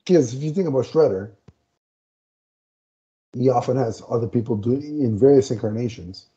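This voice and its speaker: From a home room, a male podcast co-host rambles through a casual comic review, often pausing to find the right word. His medium-pitched voice is very dark and mellow at normal speed, picked up by a headset on a dull, lo-fi video call.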